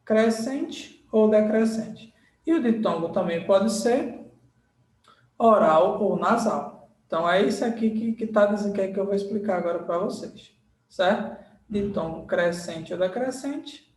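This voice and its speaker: A man teaches grammar at an unhurried, drawn-out pace, repeating words and stopping to ask "right?" His voice sits in the middle of the pitch range and sounds roomy and a little distant, as if recorded in an echoey room away from the mic. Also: slight background noise. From Brazil. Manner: slow, repeats words and checks in with "tá?" and "certo?". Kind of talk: recorded grammar lesson at a board.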